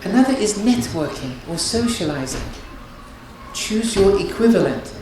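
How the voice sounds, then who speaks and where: Very animated and speaking at normal speed, a medium-pitched woman counsels her audience during a sincere religious lecture on marriage. She tends to restart phrases, and the hall is noisy with strong echo.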